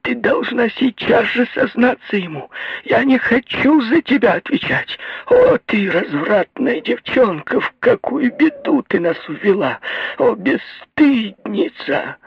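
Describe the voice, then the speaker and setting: A man's voice: sing-song, slow, gravelly, husky, dry recording, highs cut off, exaggerated voice. A man reading an audiobook voices a hysterical middle-aged mother who shrieks and wails in panic. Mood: shrieking hysterically. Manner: shrill, wailing, panicked.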